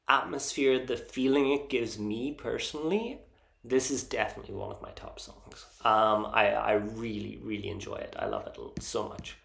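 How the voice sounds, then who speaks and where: A man vlogging casually about songs he likes, earnest and enthusiastic, often pausing with ums and restarting his sentences. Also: mid-range voice, vocal fry, a bit bright, roomy sound. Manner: hesitant, frequent ums and restarts. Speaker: Eurovision vlogger ranking songs. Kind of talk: casual opinion vlog.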